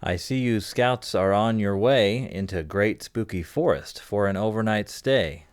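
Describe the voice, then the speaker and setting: A man voices a grumbly papa bear from a children's storybook, out to scare the youngsters. The voice is low and smooth, and the words come slowly. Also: close to an everyday voice. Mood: reluctant. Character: grumbly, scaremongering cartoon father bear, sly and fretful. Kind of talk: children's storybook read-aloud.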